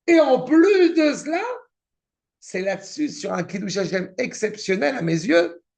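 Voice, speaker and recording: High, gravelly man teaching Torah. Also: a little mellow. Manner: reads Hebrew text then explains it, with cynical asides. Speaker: rabbi teaching a Torah class. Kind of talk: Torah lesson with Hebrew quotes and commentary.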